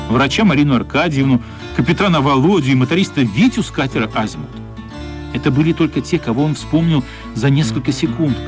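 A thoughtful male storyteller voiced by an actor narrates a children's radio drama at a middling pitch. The reading is expressive and reflective, with music playing faintly behind it. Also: lightly acted. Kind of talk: scripted narration in a radio play.

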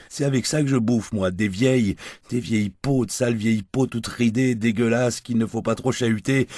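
A man's voice: medium pitch, a little mellow, no echo, clean studio sound, pitched above the performer's own voice, close to an everyday voice. A man doing a drunk, self-pitying aging gigolo. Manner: coarse slangy rambling, whiny.

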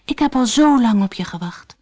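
A woman putting on a small, kind storybook girl who sounds sweet and full of wonder. The voice is lifted high with lively rises and falls. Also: normal speed. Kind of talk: storybook read-aloud.

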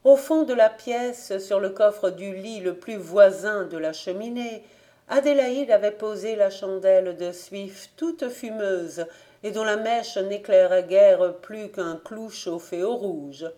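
A woman reading a classic novel aloud as a volunteer audiobook narrator, in a measured, gentle manner. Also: mid-range voice. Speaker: audiobook reader.

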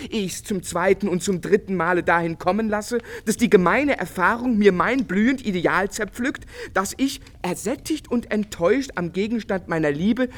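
A male actor plays a melancholy, world-weary artist for a literary radio drama, delivering eloquent, earnest lines with theatrical phrasing. His voice sits high and sounds natural.

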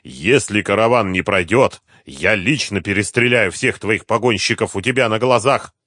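In an audiobook, a man voices an angry, hot-tempered smuggler, shouting in anger. His natural voice is medium-pitched, animated, and moderately paced, though pitched above his own. The recording is studio quality with no room sound.

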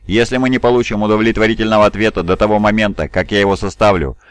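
A man's voice: on the low side, steady tone, fast talker, clean tone, no room sound, close to an everyday voice. A man voicing a stern, domineering male lord-commander giving cold orders. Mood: commanding.

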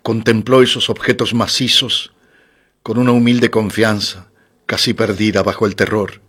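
A man giving a calm, scripted reading of a literary short story. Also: on the low side, moderate pace, husky. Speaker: audiobook narrator.

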